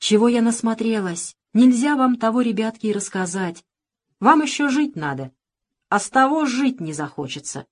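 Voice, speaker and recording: A woman reading a storybook and voicing a small old village woman who speaks quietly and tenderly. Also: on the high side, animated, normal speed, pitched above the performer's own voice.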